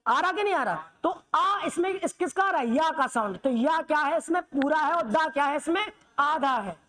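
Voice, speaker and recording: High-voiced woman teaching Hindi letters. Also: lively intonation, normal speed, fairly bright tone. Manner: asks students questions and answers them herself; repetitive, checks students' understanding. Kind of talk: classroom lesson on Hindi script.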